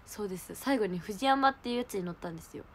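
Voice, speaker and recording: A young woman, hosting a livestream and telling a story in animated casual chat. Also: medium pitch, fast, crowd noise. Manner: animated storytelling, laughing, exclaiming. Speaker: idol livestream host.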